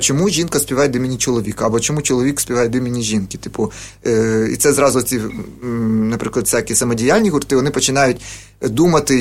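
A man, a folk music researcher, explaining things in a radio interview with many fillers and restarts. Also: medium pitch.

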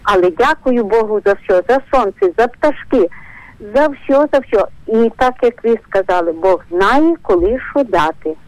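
A woman's voice: on the high side, animated, moderate pace, no echo, poor audio. An older woman calling in to a radio show by phone and speaking in a heartfelt, grateful way. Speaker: caller. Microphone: telephone.

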